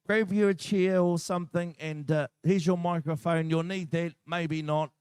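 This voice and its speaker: A male announcer with a New Zealand accent runs a live competition. His voice is high and smooth with a dry sound, and he gives directions in a practical, informal way. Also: steady tone, normal speed, a little mellow, no room sound.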